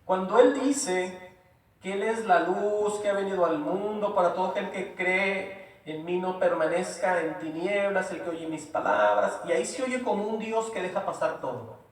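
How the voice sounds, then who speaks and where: A man's voice: sits high, expressive, normal speed. A man preaching a sermon in a church, emphatic and repetitive, often asking rhetorical questions. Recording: very echoey room, voice from far off.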